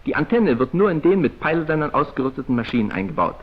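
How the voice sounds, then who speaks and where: He talks fast, this male narrator of a 1940s training film, whose voice is dulled and muffled by the vintage soundtrack. The pitch is fairly high and husky, swinging in lively fashion, and his declamatory style stays formal, precise and clipped.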